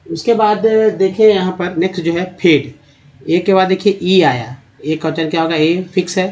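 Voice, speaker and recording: A man teaching English pronunciation to Hindi speakers, spelling out words and repeating each one slowly while quizzing the viewer. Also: high voice, a little mellow. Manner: repeats each word slowly, drilling vowel sounds; addresses viewers as friends, asks rhetorical questions. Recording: dull lo-fi recording.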